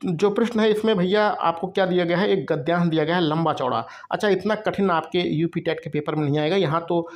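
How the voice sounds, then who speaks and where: A man's voice: high-pitched, a little fast. A man teaching exam preparation in a recorded video lecture, explaining step by step, spelling words out letter by letter and checking in often with the viewers. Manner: frequent "theek hai" check-ins, addresses viewers as bhaiya.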